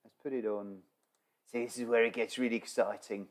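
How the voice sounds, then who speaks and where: A man's voice: medium pitch, steady tone, a little fast, poor audio. A man streaming a game from his bedroom, chatting casually, swearing a lot and grumbling at the game. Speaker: gaming streamer. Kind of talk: casual gameplay commentary. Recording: game music playing underneath. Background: game music.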